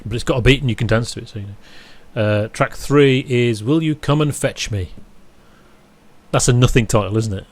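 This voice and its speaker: A man's voice: mid-range voice, a little fast. A man chatting casually as a podcast co-host, rambling and interrupting himself, with dry chuckles. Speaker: podcast co-host reviewing an album. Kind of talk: casual chat.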